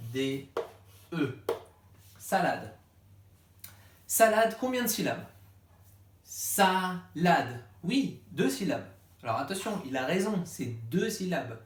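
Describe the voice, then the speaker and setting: Recorded in an echoey room with slight background noise, a primary school teacher with a slightly high voice explains a reading lesson to parents step by step. He patiently acts out the questions parents should ask the child.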